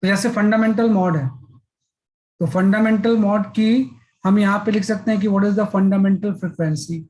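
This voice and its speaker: Physics teacher explaining step by step. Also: male voice, sits high, fairly even intonation, measured pace, darkish tone, slight background noise, poor audio. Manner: explains step by step, repeats filler "है ना". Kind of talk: classroom lecture.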